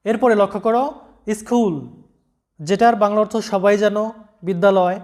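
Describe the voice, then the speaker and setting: A man giving a slow, deliberate vocabulary lesson, spelling out letters and repeating each word. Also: sits high, steady tone, a little mellow. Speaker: English pronunciation teacher.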